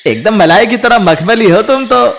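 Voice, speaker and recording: A man's voice: sits high, animated, normal speed, vocal fry, a bit bright, full character voice. A man voicing a sleazy young milkman with an oily, mocking way of talking.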